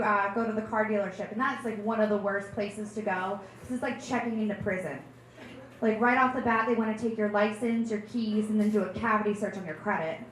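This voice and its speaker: Self-deprecating woman comic in an echoey club. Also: mid-range voice. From New Jersey. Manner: deadpan self-deprecating delivery. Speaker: stand-up comedian. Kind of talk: stand-up comedy set. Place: comedy club stage. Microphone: handheld stage mic. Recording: echoey club room with noise. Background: audience laughter.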